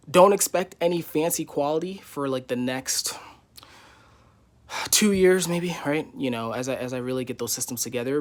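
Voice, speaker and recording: A man in his twenties giving a casual, candid vlog update from his living room, rambling with many fillers. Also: mid-range voice. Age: 20s. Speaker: YouTuber.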